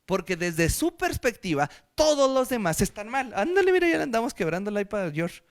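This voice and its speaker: A Mexican preacher delivers a live sermon with jokes, speaking directly to his listener. His voice is high and very animated, rising and falling all over. He keeps a casual, lively tone. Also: fairly quick. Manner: lively, joking, talks straight to the listener.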